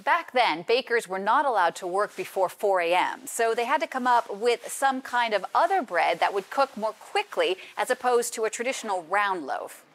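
A woman's voice: medium pitch, animated, normal speed, few pauses. A woman hosting a travel food show, presenting in a scripted, upbeat way.

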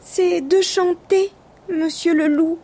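A woman's voice: very high-pitched, fairly even intonation, slow pace, mellow, voice pushed up, full character voice. A woman voicing a small, timid male lamb who stammers politely to a wolf in a children's storybook.

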